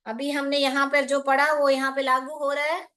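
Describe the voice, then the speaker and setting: A woman's voice: high-pitched, flat delivery, normal speed, a bit bright. A woman teaching phonics in an online class, patient and explaining step by step, often asking rhetorical questions and fondly addressing her learners as children.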